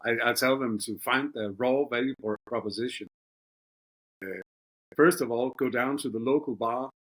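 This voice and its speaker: A male podcast host talks in a loose, casual way at a middle pitch. He stops and restarts often and fills his pauses with filler sounds. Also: fairly bright tone, low-quality recording. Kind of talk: podcast interview.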